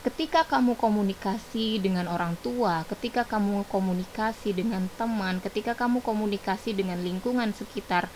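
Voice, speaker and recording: A woman's voice: mid-range voice, a little fast, few pauses, a little mellow, a little hiss or hum, poor audio. A woman with an Indonesian accent giving an online English lesson, explaining patiently and repeating herself. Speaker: English teacher.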